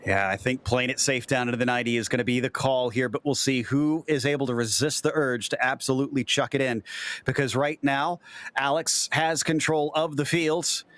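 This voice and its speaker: A man working as a motorsport commentator, calling a sim race live in a measured play-by-play that lifts with the action. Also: mid-range voice, steady tone, a bit bright. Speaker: motorsport commentator, lead caller.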